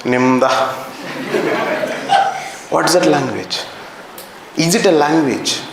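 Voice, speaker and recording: A man's voice: fairly high pitch, takes it slowly, vocal fry. An Indian man teaching anthropology in a classroom lecture, who keeps asking the class questions and answering them himself. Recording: very echoey classroom, faint background noise.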